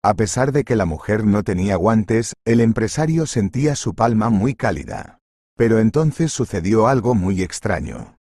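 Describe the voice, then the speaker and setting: A man narrating a scripted story in an even, measured reading. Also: lowish voice, breathy edge, dry recording, clean studio sound.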